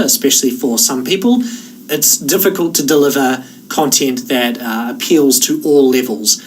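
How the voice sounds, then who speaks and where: A man with a New Zealand accent, an online course instructor explaining how the course works in a relaxed, conversational way. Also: medium pitch, distant mic, slight background noise, rough recording. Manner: relaxed, conversational, with frequent "uh" fillers. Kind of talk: course orientation talk to camera.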